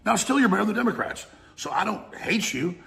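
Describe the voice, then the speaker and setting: A man's voice: sits high, expressive, quick pace, creaky, fairly bright tone. A man giving a combative political rant, speaking straight at the person he is attacking. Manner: combative, addresses target directly. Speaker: political commentator. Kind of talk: political rant played as a clip.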